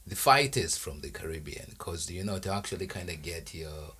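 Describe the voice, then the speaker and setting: A man who grew up in Zimbabwe, a podcast guest, speaking in an animated, enthusiastic way. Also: low voice, husky. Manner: animated and enthusiastic, quick to agree. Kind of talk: casual podcast conversation.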